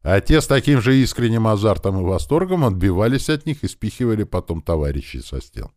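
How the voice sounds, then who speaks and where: A man reading an adventure audiobook aloud in an expressive style, acting out the shouts of the characters. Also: on the low side, brisk, dry recording, clean studio sound. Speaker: audiobook narrator. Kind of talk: scripted narration.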